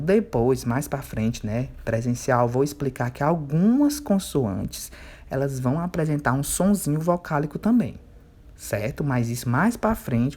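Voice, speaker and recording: Man, teacher of young kids, patient, drawls words out slowly to spell them, keeps checking that the class follows. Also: mid-range voice, darkish tone. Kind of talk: remote workbook lesson for children.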